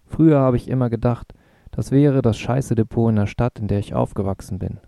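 A man's voice: medium pitch, fairly quick, gravelly, dark tone, no room sound, clean studio sound, close to an everyday voice. A man voicing a blunt, wry young male student in a read-aloud story.

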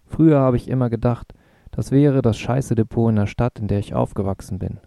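A man's voice: mid-range voice, a little fast, creaky, warm tone, no room sound, studio quality, close to an everyday voice. A man reading the part of a blunt young man with a crude, wry way of talking.

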